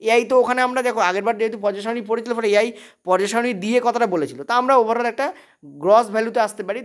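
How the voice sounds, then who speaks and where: West Bengal Bengali accent, exam-prep teacher, online lesson, rapid delivery, frequent "okay?" check-ins, mixes in English terms. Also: medium pitch. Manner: thinks aloud while checking notes.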